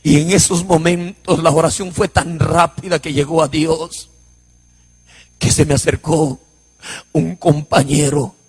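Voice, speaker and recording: A man's voice: on the high side, level tone, unhurried, breathy edge, long reverb tail. A man from Huánuco, preaching his personal testimony in an emotional, storytelling way. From Huánuco, Peru. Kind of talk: sermon testimony.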